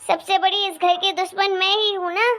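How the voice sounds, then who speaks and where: Sharp-tongued, feverish mother-in-law who scolds and complains, played by a woman; cartoon story, high pitch. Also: level tone, moderate pace. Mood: scolding. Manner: bitter and scolding. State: feverish and in pain. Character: harsh, complaining middle-aged mother-in-law.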